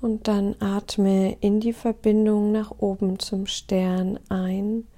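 A woman leading a guided meditation in a calm, soothing, breathy and husky voice, often close to a whisper, with deliberate pauses. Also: medium pitch.

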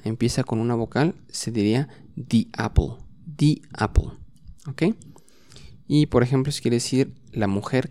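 Slow, mellow-voiced man teaching. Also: medium pitch. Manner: patient, repeats words slowly for practice. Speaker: English teacher. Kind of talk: bilingual podcast lesson.

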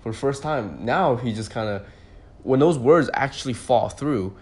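A man's voice: mid-range voice, lively intonation, moderate pace, a little mellow. A young man in his twenties, a podcast host, telling a personal story in a loose, rambling way full of "like" and restarts. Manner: rambling, heavy use of "like" and restarts.

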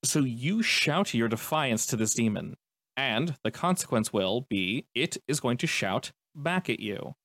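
A man's voice: medium pitch, lively intonation, measured pace, fairly bright tone, dry recording. A man working as a game master, improvising descriptive narration and explaining the rules in a conversational way.

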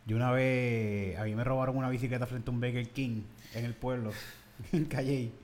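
A man with a Puerto Rican accent in casual podcast chat, telling stories in an animated way. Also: mid-range voice, normal speed. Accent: Puerto Rican Spanish. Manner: animated storyteller who acts out shouts.

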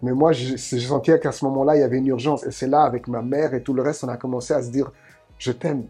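A man's voice: medium pitch, steady tone, quick pace, warm tone, breathy edge, soft background music. A man sharing his thoughts in a podcast talk, earnest and reflective, often restarting and repeating words. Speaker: podcast co-host.

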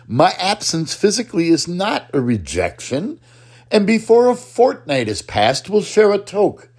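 A man reading a poem voicing a hopeful young woman who reassures her lover, slightly higher than his narration. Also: very animated, a little slow, darkish tone, slightly rough, exaggerated voice. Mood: reassuring.

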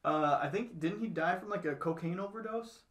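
Bright, high-voiced male comedy podcast host. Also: moderate pace. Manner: crude, joking. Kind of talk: casual comic banter.

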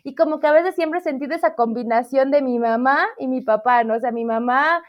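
A woman, a math teacher, chatting in an interview about her career path in a lively, self-deprecating way. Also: high voice, fairly quick. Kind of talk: casual interview chat. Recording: slightly dull lo-fi audio.

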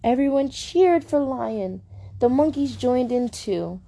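Animated woman reading a picture book. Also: sits high, takes it slowly, creaky. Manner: animated, playful, expressive storytelling. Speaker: parent reading to a small child.

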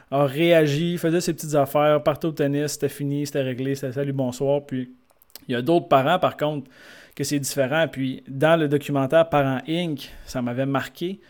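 A man's voice: a little high, moderate pace. A man with a Québécois accent, a sports coach telling anecdotes in a conversation and acting out the people in them. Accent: Québécois French. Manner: lively storyteller who acts out the people in his stories. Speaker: sports coach and guest speaker.

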